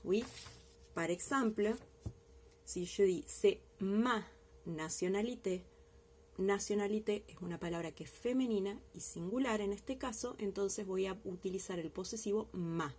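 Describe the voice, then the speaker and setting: A woman's voice: mid-range voice, moderate pace, few pauses, dark tone, husky. A woman teacher giving a recorded language lesson, explaining patiently step by step and often checking in with her class. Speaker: French teacher.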